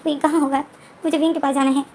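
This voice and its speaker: A woman's voice: high-pitched, flat delivery, rapid-fire, darkish tone, a little hiss or hum, voice pushed up. A woman voicing a frightened young man, a new father, pleading in a rising voice. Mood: anxious.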